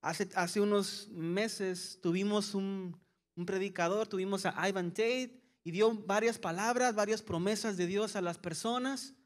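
A pastor delivers a sermon in a high, light voice. He acts out worried questions to God, then eases into gentle, reassuring answers. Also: a little slow. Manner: preaching with voiced-out anxious questions and soft calming asides.

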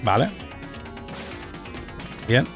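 A man with a Castilian Spanish accent giving casual, sweary gameplay commentary, talking to himself as he plays. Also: drawn-out words. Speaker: gaming streamer. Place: small indoor streaming room. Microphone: boom-arm microphone close up. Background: video game music.

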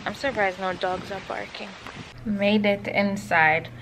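A woman's voice: mid-range voice, steady tone, unhurried, background noise. A young woman in her twenties chatting casually as she vlogs from a lakeside cottage, filming on a handheld camera at arm's length and laughing as she talks to her dogs. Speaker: vlogger. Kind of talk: casual vlog chat. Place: lakeside cottage, indoors and outdoors. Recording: music playing underneath.

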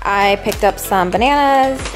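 A young adult woman chats informally over her grocery haul vlog, using slang in a relaxed, conversational way. Her voice is medium-pitched and a little slow, with music behind her and low recording quality.

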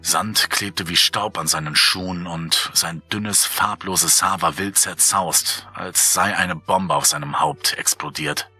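A man reading a horror story aloud as an audiobook narrator, in a calm, measured, somber way. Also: deep voice, slightly rough, soft background music.

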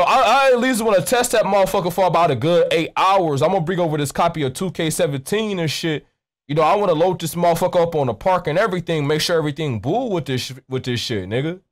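This young American streamer has a slightly high, animated voice and talks fast. Sitting at his streaming desk indoors with a headset on, he rambles through a prank call in casual street slang, nonchalant and profane, right up on a studio mic with a pop filter.

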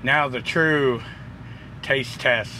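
A man co-hosting a trucking vlog, chatting in a relaxed, joking way from inside a truck cab. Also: mid-range voice, drawn-out words, noisy background. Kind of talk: casual cooking chat.

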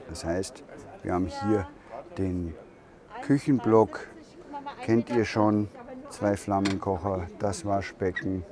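A man giving a slow walkaround tour of a camper van at a trade fair, thinking aloud with pauses and fillers. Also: low voice. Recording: crowd noise of a trade fair. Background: crowd chatter of a fair.

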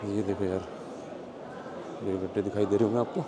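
Amid very noisy crowd chatter in a packed tourist cave, a male travel vlogger talks a little fast in a lowish, flat voice. He chats casually and points things out to his viewers as he walks.

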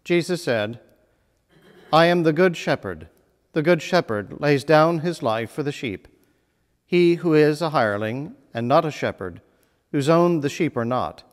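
Lively priest in a reverberant church. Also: male voice, on the high side. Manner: measured, lively preaching with emphatic phrasing. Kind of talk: sermon. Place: small church chapel with stone wall. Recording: long reverb of a church hall.

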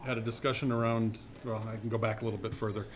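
A man reporting to a village board meeting for the finance committee, pausing often with ums and uhs. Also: lowish voice, little pitch movement, music in the background. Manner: halting, many ums and uhs.

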